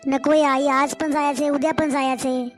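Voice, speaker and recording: A woman's voice: high voice, level tone, normal speed, soft background music, close to an everyday voice. A woman voicing a weary young new mother. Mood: pleading. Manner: complaining, pleading. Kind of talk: cartoon story voice acting.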